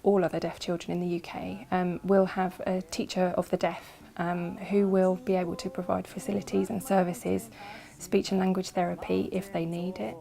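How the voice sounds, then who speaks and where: Interviewee, woman, firm and flat, gravelly, clear music behind her. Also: on the low side, moderate pace. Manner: firm, explanatory.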